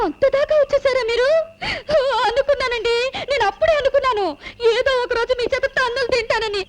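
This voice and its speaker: Pious, plaintive young housewife. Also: female voice, fairly even intonation, a little fast. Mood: pleading. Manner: pleading, plaintive, high voice. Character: devout young housewife, pious, sulky, quick to tears. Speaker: wife. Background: film score.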